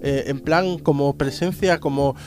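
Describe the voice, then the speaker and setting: A man's voice: a little high, fairly even intonation, a little slow, faint music behind. A man from taking part in a casual podcast discussion about films. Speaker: podcast panellist.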